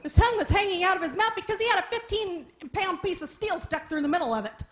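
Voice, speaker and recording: A woman's voice: extremely high pitch, animated, fast, a crowd in the background. A woman performing a stand-up comedy set, telling a story and acting out the people in it, laughing at her own jokes. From small town. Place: live comedy venue with audience.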